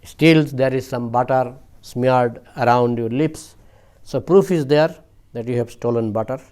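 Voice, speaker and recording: A man's voice: medium pitch, measured pace, darkish tone, clean tone, pitched below the performer's own voice, lightly acted. A man voicing an insistent village milkmaid who is eager to catch a thief. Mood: triumphant.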